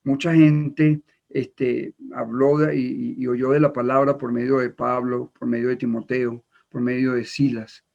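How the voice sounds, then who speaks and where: An Ecuadorian man preaching a sermon in a halting way, with many repeated words and fillers. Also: mid-range voice, little pitch movement, gravelly, darkish tone. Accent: Ecuadorian Spanish. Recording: dull lo-fi recording.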